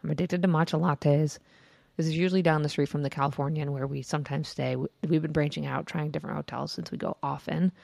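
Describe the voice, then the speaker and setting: A woman's voice: deep voice, steady tone, fast, gravelly, darkish tone, no echo. A woman co-hosting a podcast, telling a rambling story in casual chat and swearing freely. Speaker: podcast co-host.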